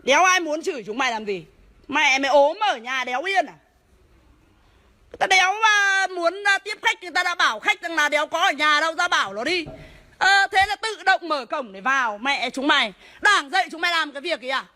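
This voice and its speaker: Woman, scolding, profane, shouting, very bright tone, rapid speech. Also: sits high, lively intonation. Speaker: homeowner confronting police. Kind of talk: heated real-life argument.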